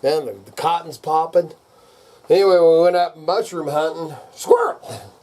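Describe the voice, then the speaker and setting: A man's voice: a little high, steady tone, moderate pace, mellow. An older man with a rural American accent, ranting off the cuff in a rowdy, folksy redneck way, salty and full of man and dude. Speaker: vlogger. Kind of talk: casual off-the-cuff rant to camera.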